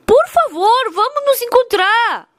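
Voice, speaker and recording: A man's voice: extremely high pitch, expressive, slow pace, fairly bright tone, no room sound, voice pushed up, full character voice. A woman doing a begging frightened loan shark. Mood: pleading. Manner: begging, flustered.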